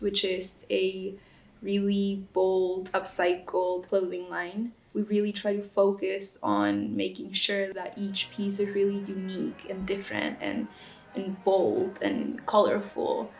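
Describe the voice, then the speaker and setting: A woman in her twenties from Chile, a student speaking earnestly and thoughtfully about herself, pausing to search for words. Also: medium pitch. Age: 20s. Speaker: student interviewee. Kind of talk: personal reflective talk. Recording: echoey room with guitar music.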